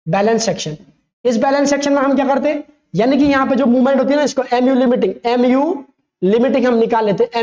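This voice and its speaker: A man's voice: extremely high pitch, darkish tone, lo-fi sound. Man tutoring, repeating key terms. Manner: asks rhetorical questions and repeats key terms; self-correcting, conversational teaching. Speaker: engineering tutor. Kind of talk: exam-prep lecture over a worked problem.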